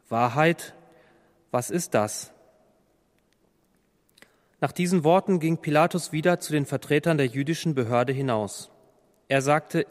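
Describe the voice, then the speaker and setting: A man's voice: mid-range voice, in a large hall. A man reading a Bible passage aloud and then commenting on it as a preacher.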